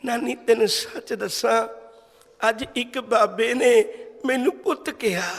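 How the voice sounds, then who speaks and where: A man's voice: very high voice, unhurried, heavily acted. A man quoting an orphaned young boy, speaking in an earnest, heartfelt way, in a hall. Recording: long hall reverb.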